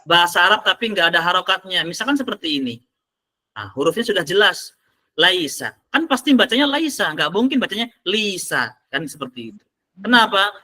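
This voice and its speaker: A man leads an online Arabic lesson, calling on students and praising their answers. His voice sits high and sounds very bright and forceful. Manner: asks the class questions and praises answers. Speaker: Arabic teacher. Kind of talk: online class teaching.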